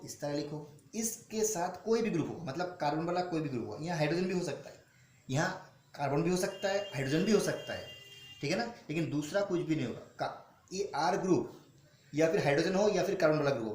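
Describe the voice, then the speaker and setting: Echoey teacher repeating questions himself. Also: male voice, a little high, darkish tone. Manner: repeats questions and answers them himself, calls students "beta"; slows down to spell out formulas. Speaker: chemistry teacher. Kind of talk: classroom-style teaching. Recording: echoey room with faint noise.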